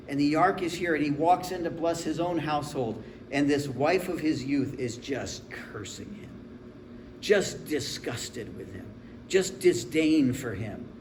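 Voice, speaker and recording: A man's voice: a little high, a little mellow, slight background noise. A man in his forties preaching a sermon in a conversational, humorous storytelling way. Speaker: pastor. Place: church sanctuary. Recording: echoey room with faint ambience.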